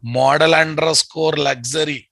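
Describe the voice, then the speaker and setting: A man's voice: on the high side, fairly even intonation, a little slow, vocal fry, bright, forceful tone, dry recording. A middle-aged man with a Telugu accent teaching a live online programming lesson, repeating phrases and prompting his students with familiar questions. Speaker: programming instructor. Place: indoor room at a computer.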